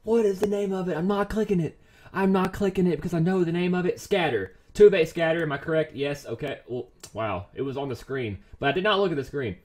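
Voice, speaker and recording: A man commentating his own game play as a YouTuber, excitable, pleading and quickly exasperated over his luck. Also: a little high. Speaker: gaming YouTuber.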